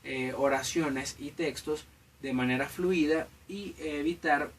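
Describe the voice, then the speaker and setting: Halting student man far from mic. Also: on the high side. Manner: halting, with fillers. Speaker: student presenter. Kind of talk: class presentation. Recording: distant mic with faint noise.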